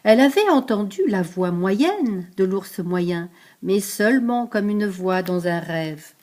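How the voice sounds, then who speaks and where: An older woman reading a picture book aloud to a grandchild, lively, stopping to explain hard words. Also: medium pitch, slow pace.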